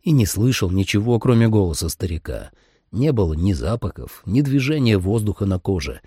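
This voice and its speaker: Low-voiced male audiobook narrator. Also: sing-song, a little fast, mellow, slightly rough, no room sound, studio quality. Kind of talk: first-person audiobook narration.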